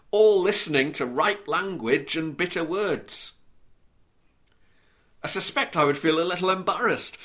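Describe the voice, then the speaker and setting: A man from Liverpool, England, with a mild Scouse accent, preaches an earnest, measured sermon and reads scripture aloud. His voice is a little high with a sharp tone.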